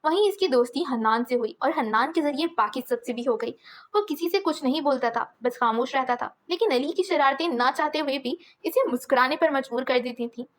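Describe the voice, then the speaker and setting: A woman reading a novel aloud as an audiobook narrator, steady and measured. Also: high voice.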